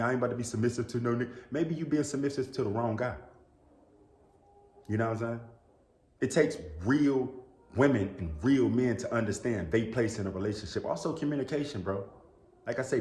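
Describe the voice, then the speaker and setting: With a mid-range, darkish voice and a roomy sound, a man speaks earnestly to camera indoors. This YouTuber is a little sick and sneezes at times. He tends to preach, repeatedly saying "bro" and "you know what I'm saying."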